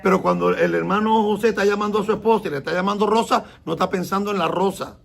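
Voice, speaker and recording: Gravelly, high-voiced man preaching. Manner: explains slowly and repeats words, asks the congregation questions. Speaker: messianic rabbi teaching. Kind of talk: sermon.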